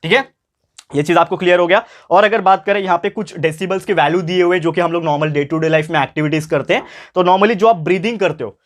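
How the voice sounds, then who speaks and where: Talking quickly in a high-pitched voice, a man runs an online school science lesson and speaks to viewers as friends. He repeats the main points and raises his volume a little to keep things clear.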